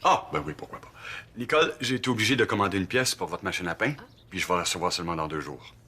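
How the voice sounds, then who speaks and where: A man's voice: sits low, fast talker, bright, forceful tone, slight background noise. An actor playing a busy, slightly flustered appliance repairman. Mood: harried. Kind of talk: TV drama acting.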